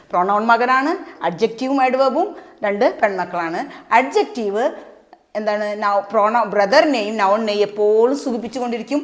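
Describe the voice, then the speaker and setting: A woman explaining a grammar lesson as a teacher, asking questions and answering them herself in an animated way. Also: a little high. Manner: animated, asks and answers her own questions. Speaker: English teacher.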